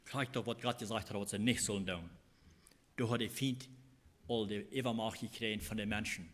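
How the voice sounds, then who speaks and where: Man preaching a halting sermon. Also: on the low side, fairly even intonation. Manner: halting, repeats phrases while explaining scripture.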